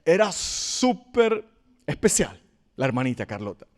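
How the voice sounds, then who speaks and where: A man's voice: high-pitched, normal speed, clear, resonant tone. A man in his thirties preaching a sermon, telling personal stories and acting out the people in them. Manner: storytelling preacher, animated, acts out quoted people. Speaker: pastor.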